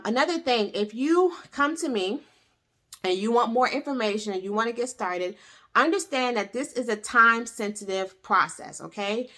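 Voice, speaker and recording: A woman with a rather high, sharp voice hosts an explainer video as a tax professional, speaking casually and straight to viewers. She's frank and persuasive, pushing them to take action and punctuating her points with "okay?"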